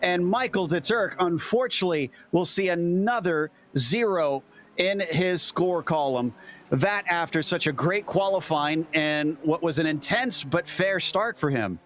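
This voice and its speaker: Male motorsport commentator, slightly high register, live sim-race play-by-play, measured with lifts on action, light engine noise behind. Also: animated, fairly bright tone. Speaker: motorsport commentator, lead caller.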